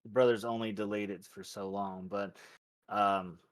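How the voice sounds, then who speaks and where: A man improvising narration as a tabletop game master, halting and thinking aloud as he goes. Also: lowish voice, fairly even intonation, no echo.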